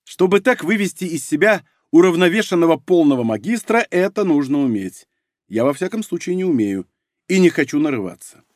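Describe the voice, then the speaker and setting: A man narrating an audiobook in an expressive storytelling manner. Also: a little high, fairly quick, no room sound, studio quality. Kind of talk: scripted narration.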